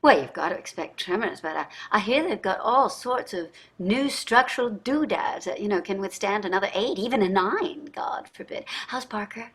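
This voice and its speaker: In a staged play reading, an actress voices a wealthy, entitled society wife and mother, affected and gushing with effusive endearments and an anxious mood. Her mid-range voice is animated, fairly bright with a breathy edge, at normal speed with few pauses.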